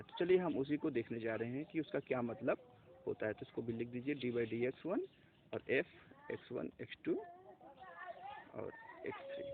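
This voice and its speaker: A man's voice: a little high, gravelly. A man teaching a math lesson step by step, mixing in English terms and asking and answering his own questions. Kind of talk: classroom math lecture. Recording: tinny lo-fi, phone-like recording.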